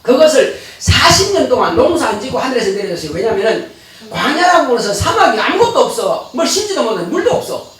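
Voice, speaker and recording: Male pastor, high lively voice, folksy conversational sermon, echoey church from a distance. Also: brisk. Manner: folksy, chatty preaching with rhetorical questions. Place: church sanctuary.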